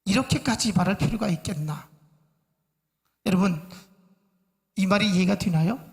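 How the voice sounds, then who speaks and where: A male pastor preaching a sermon to his congregation, in a slow, measured way with many pauses. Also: sits high, creaky. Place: church sanctuary. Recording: church hall reverb.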